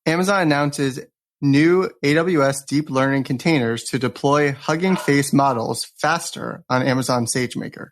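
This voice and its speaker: A man's voice: medium pitch, moderate pace. A man co-hosting a tech podcast, reading news headlines in a matter-of-fact way.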